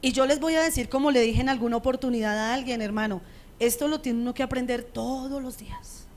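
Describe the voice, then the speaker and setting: A middle-aged woman pastor preaching a sermon in a conversational way, often checking in with her listeners, with a strong, loud voice. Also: high-pitched, brisk, slight background noise. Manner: conversational preaching, frequent rhetorical checks with the congregation. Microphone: radio studio microphone.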